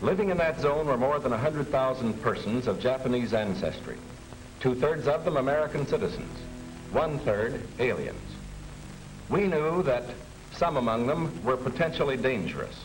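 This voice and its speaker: Man, mid pitch, authoritative 1940s official-film narrator, faint music behind. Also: expressive, normal speed, poor audio.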